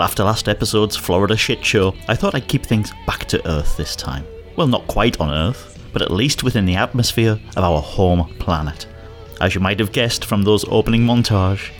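A man with a slightly deep voice hosts a solo podcast. He narrates from a script with personal anecdotes, and music sits faintly behind him. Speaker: podcast host.

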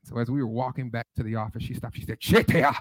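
A man's voice: medium pitch, little pitch movement, very fast, warm tone, no room sound, low-quality recording. A man with a Detroit accent preaching a sermon, leading call-and-response and telling stories. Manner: sings prayer lines, then teaches with call-and-response and storytelling.

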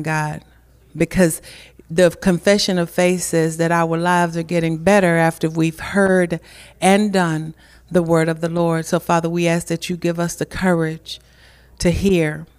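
A woman delivers a church sermon into a pulpit microphone, taking her time over each phrase in a somewhat low voice. She leads the congregation in call-and-response and repeats key phrases to drive them home. The setting is a church sanctuary. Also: a little mellow. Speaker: guest preacher.

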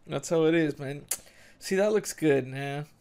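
A man co-hosting a relaxed podcast, his voice sitting a little high. He talks loosely, dropping swear words and calling his friend dude and bro. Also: gravelly, smooth. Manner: laid-back, swears a lot, says dude and bro. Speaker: podcast co-host. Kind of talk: casual chat.

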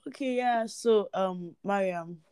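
A young woman co-hosting a casual podcast chat, croaky from just waking up, laid-back and quick to laugh. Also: medium pitch, a little mellow, no echo, studio quality. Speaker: podcast co-host.

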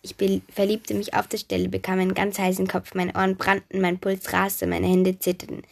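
A woman narrating a children's myth in first person, lively and chatty, speaking directly to the listener. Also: mid-range voice, a little fast, vocal fry. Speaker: storyteller.

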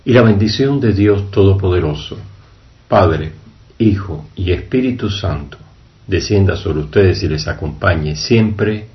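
A man with a very low voice leads Mass as a priest, praying in solemn, measured phrases. The sound is muffled and low-fidelity, like a livestream. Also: expressive. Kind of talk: liturgical prayer at Mass.

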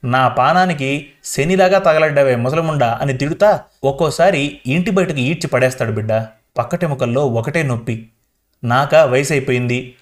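A man's voice: on the high side, natural voice. A man reading the part of a frail, beaten 78-year-old grandmother, pleading and tearful in a storybook reading. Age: older. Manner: tearful pleading, addressing the listener as child.

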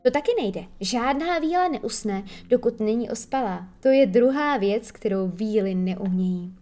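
A woman's voice: on the high side, lively intonation, dark tone, lightly acted. A woman voicing Peter Pan, a boastful, moody boy who talks in a proud, matter-of-fact way.

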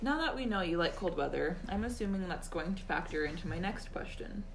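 A woman's voice: lowish voice, lively intonation, brisk, a little hiss or hum. A woman as interviewer in a scripted mock interview, reading her questions carefully.

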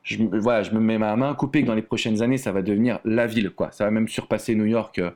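A man's voice: lowish voice, fast talker. A man from France, a relationship coach, talking casually as an interview guest with plenty of fillers and restarts. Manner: relaxed, chatty, many fillers and restarts.

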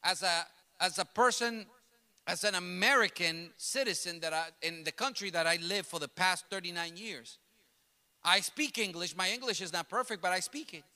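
Raised in New York City, this middle-aged man, whose native tongue is Spanish, delivers a sermon in a high, pushed, bright voice at normal speed. Emphatic repeated phrases build toward passionate peaks, and the audio carries the long reverb of a large hall.

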